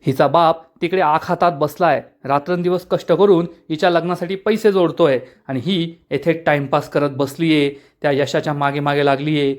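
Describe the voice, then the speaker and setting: A man's voice: on the high side, fairly even intonation, moderate pace, few pauses, lightly acted. Man voicing an angry scolding village aunt. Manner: scolding, furious.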